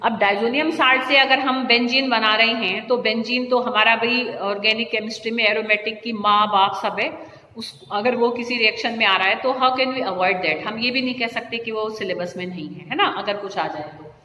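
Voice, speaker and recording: A chemistry teacher lectures her class step by step in a fairly high, pushed, bright voice at normal speed, checking in often with "okay" and "see, dear." The room is echoey with long reverb and faint noise.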